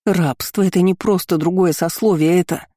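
Reader doing a tense stubborn young noble lady in an audiobook, clipped strained retorts, kinda dark and mellow. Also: medium pitch, steady tone, fairly quick, no echo, clean studio sound, pitched above the performer's own voice, lightly acted.

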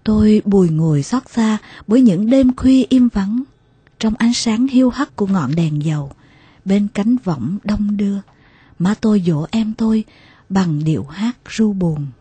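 Woman narrator, mellow warm tone, slow soft emotional reading, hushed passages, audiobook memoir. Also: mid-range voice, lively intonation, husky, no room sound, poor audio.

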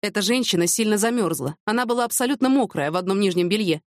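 A woman's voice: mid-range voice, expressive, fast talker, no echo, clean studio sound, lightly acted. A woman voicing a flustered police captain. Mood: defensive. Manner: defensive, awkward.

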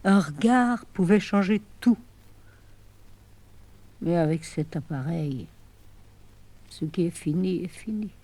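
An older actress playing a desperate woman pleading with her departing lover on the telephone, halting and swinging between emotions. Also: medium pitch, mellow. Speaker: actress in a one-woman play. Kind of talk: theatrical monologue on the telephone.

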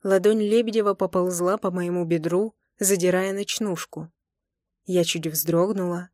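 A woman narrating a first-person romance audiobook with an intimate, expressive reading. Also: lowish voice, unhurried, no room sound, clean studio sound.

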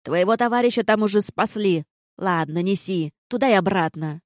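A woman's voice: moderate pace, dry recording, clean studio sound, close to an everyday voice. A woman voicing a grumpy female stone gargoyle warden who shrieks and scolds everyone. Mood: scolding. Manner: shrill, scolding, yelling.

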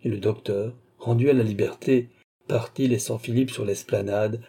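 A male audiobook reader narrates a classic novel in an even, literary way. His voice is mellow and warm, with a husky edge. The delivery stays steady and scripted. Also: fairly low pitch, normal speed.

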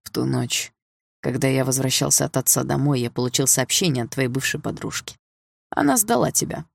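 A furious young man speaks through gritted teeth with restrained menace, as a male narrator reads him. The voice is low and gravelly. It is an audiobook reading, recorded dry and close. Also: a little fast, dry recording. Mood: menacing.

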